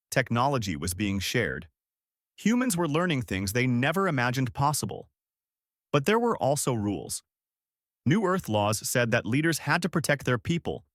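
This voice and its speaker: A man giving scripted narration of a science fiction story in a steady storytelling manner. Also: medium pitch, dry recording, studio quality.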